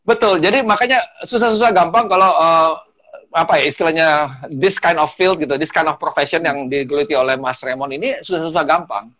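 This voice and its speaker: A man with a high voice chats as a guest public speaking trainer. He tells stories with energy and drops English phrases into his talk. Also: a little fast. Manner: animated storyteller, mixes in English phrases. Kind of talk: casual talk-show chat.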